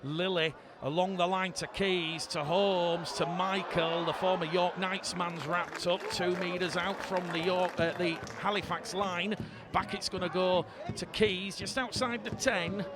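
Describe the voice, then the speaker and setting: A man giving live rugby league commentary, calling the play and rising to excited shouts when points are scored. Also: sits high, unhurried. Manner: rises to excited shouting on scoring plays. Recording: loud crowd and stadium noise. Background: crowd noise.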